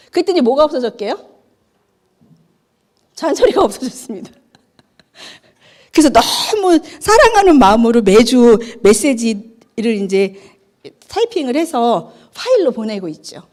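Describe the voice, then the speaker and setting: A woman in her fifties, an evangelist preaching a sermon, who tells stories chattily, acts out the dialogue and asks the congregation questions. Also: on the high side. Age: 50s. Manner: animated storytelling that acts out the dialogue.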